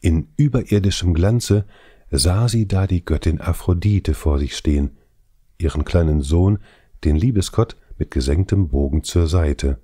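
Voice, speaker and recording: A man reading an audiobook of legends in measured, solemn scripted narration. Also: deep voice, warm tone, dry recording, clean studio sound.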